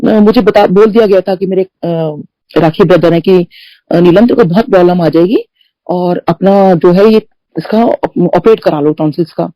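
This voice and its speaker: A woman's voice: lowish voice, moderate pace, dark tone, no room sound, rough recording. A middle-aged woman shares personal experiences in a chatty devotional talk, often slipping English phrases into her speech. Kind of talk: spoken testimony in a satsang.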